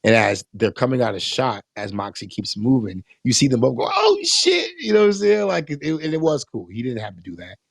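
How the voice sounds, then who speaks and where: A man casually recapping and reviewing a wrestling show, animated, swearing freely and acting out quotes. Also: fairly low pitch, fairly quick, gravelly, few pauses, slightly rough, no echo, studio quality.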